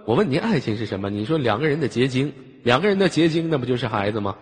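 A medium-pitched man hosts a live online voice chat in a fast, sing-song way, teasing callers playfully and chuckling as he goes. His mic is noisy and drenched in long, hall-like reverb.

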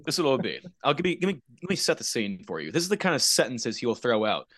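A man's voice: mid-range voice, quick pace, dry recording, studio quality. A young man hosting a casual podcast chat, ranting with lots of swearing and laughter. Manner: animated, swearing, laughing rants. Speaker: podcast host.

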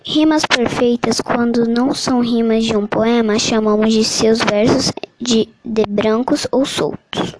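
A woman reading a Portuguese grammar summary aloud as a lesson, halting often and correcting her own slips. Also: a little high, fairly even intonation, a little mellow, rough recording. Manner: slow, halting reading with restarts and self-corrections. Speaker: teacher reading a study summary.

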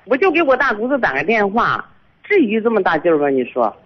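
A woman's voice: mid-range voice, very animated, quick pace. An older woman, calling in to a radio show and telling a long, rambling story full of restarts and repetitions. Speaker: caller. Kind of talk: phone-in storytelling. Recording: dull phone line on radio.

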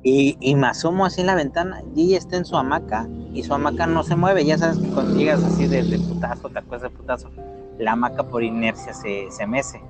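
A storyteller guest with a Mexican accent recounts paranormal tales in a casual chat, acting out quotes and sound effects. He speaks a little fast in a medium-pitched voice over loud music.

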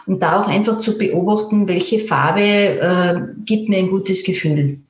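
A woman, a creative therapist who gently leads a guided imagery exercise and then answers interview questions calmly. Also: medium pitch, a little slow, slight background noise. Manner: calm, gentle, with fillers and restarts. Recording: roomy echo.

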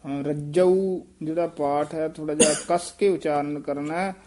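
Slow, deliberate male recitation teacher. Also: fairly high pitch, steady tone, a little mellow. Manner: slow, deliberate corrections, repeating phrases carefully. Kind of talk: pronunciation lesson.

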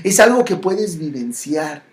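A speaker gives a reflective spiritual monologue. The delivery is slow, with repeated phrases and frequent pauses and restarts. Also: mid-range voice, big pitch swings.

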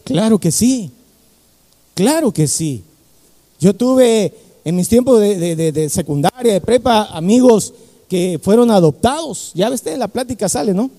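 Fervent high-voiced preacher. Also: male voice, animated, unhurried, dark tone, in a large hall. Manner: fervent, repeats key phrases, keeps calling out 'brother'. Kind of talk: sermon.

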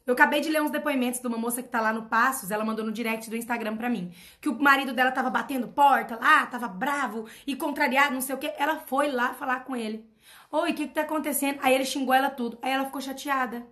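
A woman's voice: high voice, fairly even intonation, fast talker, few pauses, fairly bright tone. A woman mentoring her followers in an emphatic motivational talk. She repeats her points and keeps asking rhetorical questions. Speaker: personal development mentor.

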